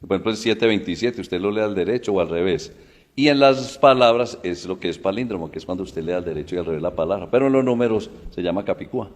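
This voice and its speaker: A low-voiced man explains spelling rules in a folksy, conversational way, leaning on everyday examples. His voice carries a long reverberant tail in the recording. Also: quick pace. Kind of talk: casual explanatory talk.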